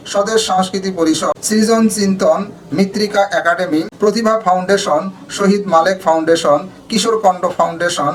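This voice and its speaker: Man, high voice, bangladeshi bengali accent, steady list-reading narration. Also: low-quality recording. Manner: reads a long list of names in a steady flow. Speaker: news channel narrator.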